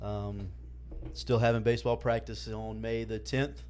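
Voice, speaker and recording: A man's voice: fairly low pitch, flat delivery, measured pace, darkish tone, a little hiss or hum. A man co-hosting a podcast in casual, folksy banter full of slang. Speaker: podcast co-host.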